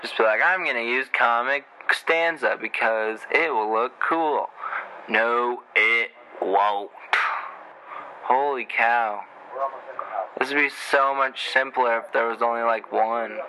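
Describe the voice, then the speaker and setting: A young man drawls his way through a bad movie, cracking jokes and tripping over his words. He speaks slowly, with a mid-range voice. Clear background noise and film audio sit behind him. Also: mid-range voice, bright, forceful tone, poor audio. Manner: rambling, joking, stumbling over words. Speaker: podcaster reacting to a movie. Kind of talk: casual movie commentary.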